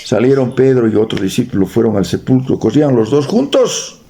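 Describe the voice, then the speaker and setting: A man's voice: mid-range voice, sing-song, brisk, vocal fry, dark tone, a little hiss or hum. A man with a Bolivian accent preaching in a church, reading scripture aloud, joking with the congregation and quizzing them. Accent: Bolivian Spanish. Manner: reads verses aloud, adds jokes and quizzes the congregation.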